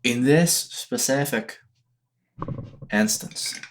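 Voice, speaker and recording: Gruff faction leader, played by a man, blunt and impatient, ordinary pitch. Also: very slow, slight background noise. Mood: pressing. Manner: blunt, pressing, swears. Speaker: game master.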